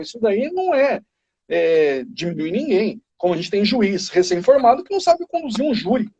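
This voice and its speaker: Um advogado brasileiro convidado numa live, explicando de forma enfática e didática. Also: male voice, very high voice, darkish tone, breathy edge. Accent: Brazilian. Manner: emphatic, explanatory. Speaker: guest criminal lawyer. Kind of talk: live video chat. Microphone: video call. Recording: lo-fi livestream audio.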